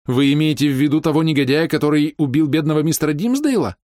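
A man's voice: a little high, fast, dark tone, no echo, studio quality, voice pushed up, lightly acted. A man voicing a proud, distraught older woman who pleads and flares up in indignation. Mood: indignant. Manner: pleading, indignant, breaking into outbursts. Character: proud distraught older woman, fiercely defending her brother.

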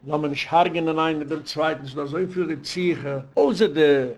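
A man's voice: on the high side, fairly even intonation, moderate pace. A man giving a Torah sermon as a rabbi, preaching with rhetorical questions and a sing-song emphasis.

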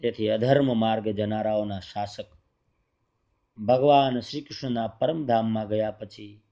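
A man's voice: on the low side, steady tone, measured pace, warm tone, lo-fi sound, natural voice. A man reading the lines of a furious, proud young hermit boy with a fierce, scolding delivery. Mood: angry.

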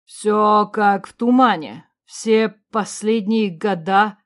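Brief: aging king father, remorseful and stern, slow loud muttering, voiced by a woman narrator. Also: medium pitch, close to an everyday voice. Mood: remorseful, muddled.

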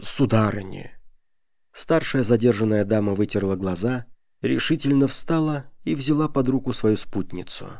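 Male audiobook reader, dark mellow tone, dry close mic, steady telling. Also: medium pitch, dry recording. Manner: measured, dry storytelling. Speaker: narrator. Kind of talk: audiobook reading of a memoir.

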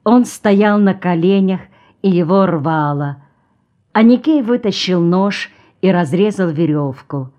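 A woman reading a story aloud as an audiobook narrator, steady and measured. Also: on the low side. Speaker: audiobook reader. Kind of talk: scripted narration.

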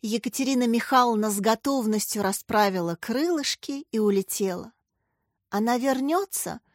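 A woman reading a children's storybook aloud in calm, expressive narration. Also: a little high, fairly quick, dry recording, studio quality. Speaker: audiobook narrator.

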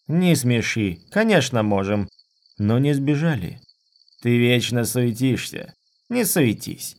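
A man voicing a calm, teasing young woman held captive, speaking in a soothing way, in an audiobook. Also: medium pitch, slow pace.

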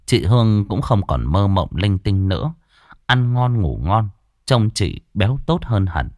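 A man narrating a ghost story in an expressive, animated storytelling manner. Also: measured pace, no room sound, studio quality. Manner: lively, expressive storytelling with big pitch swings.

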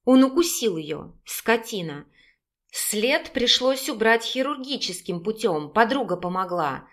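A woman narrating an audiobook in a steady, measured storytelling manner. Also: fairly high pitch.

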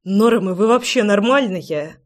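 A reader voicing Raylikh, an angry young man who is a detective and a prince. He is blunt, shouts and swears. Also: high voice, unhurried. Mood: heated.

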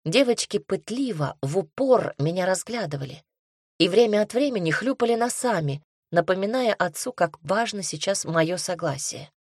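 A woman narrating a first-person fantasy audiobook in a lively, ironic storytelling manner. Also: medium pitch, moderate pace, slightly rough, no echo, clean studio sound.

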